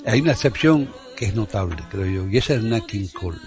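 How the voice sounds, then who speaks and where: A man's voice: lowish voice, lively intonation, fairly quick, a little mellow, soft background music. A man hosting a radio show, chatting casually and admiringly with his guest about singers. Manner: conversational, admiring. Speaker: radio host.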